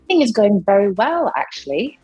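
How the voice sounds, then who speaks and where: A woman's voice: mid-range voice, very animated, quick pace, darkish tone, dull audio, soft background music. A woman from the north of England, a yoga instructor talking candidly and chattily as a podcast guest. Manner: candid, chatty, self-deprecating. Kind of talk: casual interview chat.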